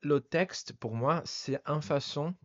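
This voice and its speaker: Speaking slowly in a fairly high voice, this male podcast host chats informally in French, a second language for him, frequently stopping to search for the right word. The audio sounds muffled but has no echo.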